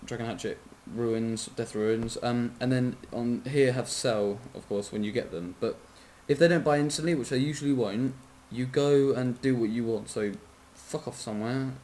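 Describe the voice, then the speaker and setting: A man's voice: medium pitch, normal speed, hardly any pauses, a little mellow, a little hiss or hum. Sleepy, rambling young-sounding man explaining a game. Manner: rambling, apologetic, self-correcting, swears. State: sleepy, yawning. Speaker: game tutorial maker. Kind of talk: casual screen-recorded game tutorial.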